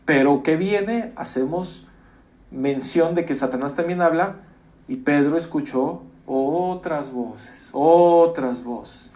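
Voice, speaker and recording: A man preaching a sermon as pastor, emphatic, repeating phrases and rising suddenly to loud stresses. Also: fairly high pitch, takes it slowly. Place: church.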